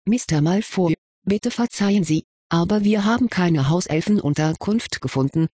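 Reader doing an old wizard headmaster, measured, reasonable, husky, dry. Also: mid-range voice, lively intonation, darkish tone, no room sound.

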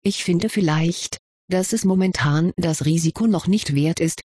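A reader voicing an earnest schoolgirl who speaks in a subdued, quietly disappointed way in a storybook reading. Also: mid-range voice, unhurried, slightly rough, dry recording. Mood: resigned.

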